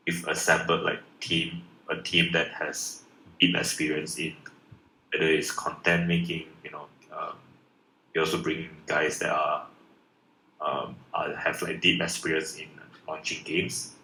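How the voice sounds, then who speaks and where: A man's voice: rumbling low, bright, forceful tone. A man from Malaysia, a project founder, answering questions in a casual live Q&A with many fillers and restarts. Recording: echoey room with faint noise.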